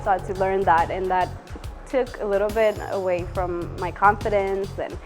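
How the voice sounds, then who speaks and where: A woman's voice: medium pitch, fairly even intonation, normal speed, darkish tone, soft background music. A woman student researcher talking in an interview, hesitant and restarting words. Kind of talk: interview testimony.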